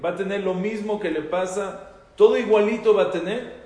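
A man, voice on the higher side, gives an informal religious class to a group. He repeats phrases for emphasis and often turns questions back to his listeners. The room is roomy, with reverb that trails long after each phrase. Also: moderate pace, darkish tone. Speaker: rabbi teaching a class. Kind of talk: informal Torah talk to a group. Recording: echoey hall with long reverb.

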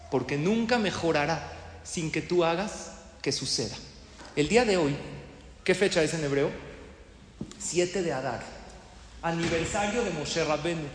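Speaking as a rabbi, a man with a high voice delivers a sermon to a live audience, telling stories and posing questions to his listeners. The echoey hall carries faint ambience and slight background noise.

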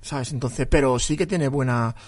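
A man's voice: mid-range voice, moderate pace. A man co-hosting a podcast, giving casual MMA analysis and repeating his points emphatically. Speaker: podcast co-host.

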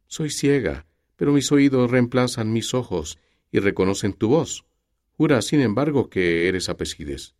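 A man's voice: mid-range voice, lively intonation, measured pace, darkish tone, no echo, clean studio sound, pitched above the performer's own voice, lightly acted. A man voicing a young blind woman in an audiobook, speaking urgently and pleadingly.

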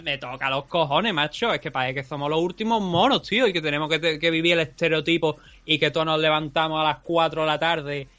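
A man's voice: on the high side, fairly quick, hardly any pauses, sharp tone. A man with an Andalusian accent, co-hosting a casual podcast chat and ranting in a heated, profane way. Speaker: podcast co-host.

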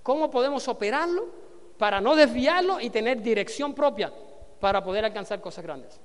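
A man's voice: extremely high pitch, expressive, normal speed, big-room sound. A man leading a motivational business seminar, preaching to the room and quizzing the audience to answer and repeat after him. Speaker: network marketing trainer speaking to an audience.

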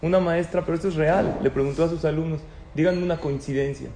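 A man's voice: on the high side, fairly even intonation, fast talker, mellow, a little hiss or hum. A man giving a religious talk to an audience, telling stories and asking them questions. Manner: storytelling, asks the audience questions. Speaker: rabbi lecturer. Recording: echoey room with faint ambience.

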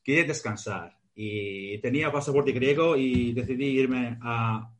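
A man in his forties from Australia, a native English speaker, talking as a guest in a casual interview and pausing to search for Spanish words. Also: mid-range voice.

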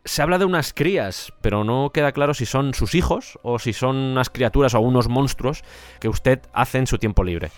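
A man's voice: mid-range voice, normal speed. A man hosting a comedy interview, dry and polite, playing it straight with some hesitation. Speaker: interviewer, host.

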